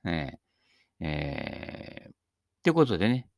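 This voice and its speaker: A man's voice: low voice, sing-song, slow pace, gravelly, a little mellow, dry recording, clean studio sound. An older man missing his front teeth gives a casual, humorous, rambling monologue, chatty and self-deprecating. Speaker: speaker giving talks on Buddhist sayings.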